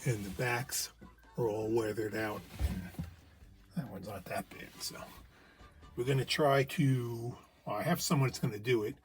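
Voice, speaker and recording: A relaxed, chatty man walks through a hands-on car job in a garage, talking as he works. His voice sits at an ordinary middle pitch. Faint music plays behind him. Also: unhurried. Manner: relaxed and chatty, explaining while working. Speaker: host of a car restoration channel. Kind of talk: casual hands-on how-to narration. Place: garage, working inside a car.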